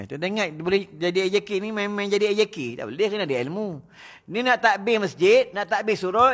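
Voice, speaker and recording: Male preacher, Malaysian Malay accent, high voice, blunt and scolding with a teasing streak, lecturing in a mosque. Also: fairly bright tone. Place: mosque prayer hall.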